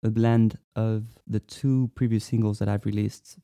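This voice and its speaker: A man in his twenties from France, a musician talking casually in an interview, relaxed and hesitant with many fillers. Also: lowish voice, moderate pace, gravelly, no room sound, studio quality. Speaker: musician guest.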